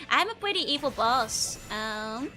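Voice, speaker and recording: A woman's voice: sits high, bright, forceful tone, rough recording. A woman livestreamer chatting casually with viewers while gaming, in a cute, playful anime-streamer manner with frequent giggling. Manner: giggles often. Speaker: livestreamer host. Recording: music behind the voice. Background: game music.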